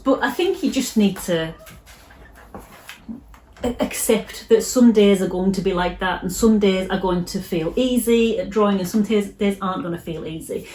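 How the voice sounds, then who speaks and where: Gentle woman vlogging in a roomy space. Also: mid-range voice, moderate pace, slight background noise. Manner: gentle, reassuring, rambling with restarts. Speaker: illustrator vlogger. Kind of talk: casual vlog talk to camera. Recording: roomy echo.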